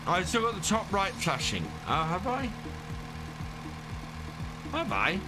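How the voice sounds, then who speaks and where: A man streams a farming game while chatting casually with his live chat, thanking followers and answering questions as he plays. His voice sits high and swings hugely in pitch, and he talks slowly over the game music.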